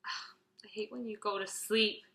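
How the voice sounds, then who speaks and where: A beauty vlogger, 21, casually answers a question tag video, reading each prompt out brightly before rambling on with fillers and restarts. Her creaky voice is medium in pitch, with fairly even intonation and a moderate pace, recorded in a reverberant space.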